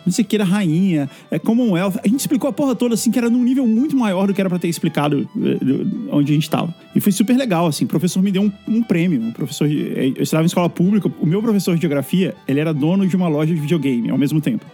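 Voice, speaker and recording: A Brazilian man in his thirties, a guest musician telling stories in a lively, filler-heavy casual chat. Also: sits high, very fast, few pauses, husky, faint music behind. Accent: Brazilian Portuguese. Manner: animated storyteller, many fillers.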